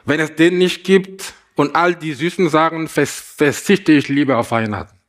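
A man's voice: fairly high pitch, moderate pace, close to an everyday voice. A man doing a grumbling sweet-toothed bear. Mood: insistent.

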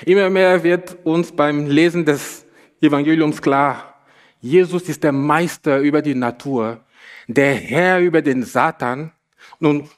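A man preaching a sermon at a slow, deliberate pace. His voice sits fairly high for a man, and he repeats key phrases before lifting into emphatic peaks.

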